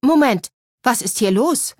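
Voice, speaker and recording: A woman's voice: a little high, expressive, unhurried, no echo, clean studio sound, voice pushed up. A woman reading a curious young girl. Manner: eager, curious.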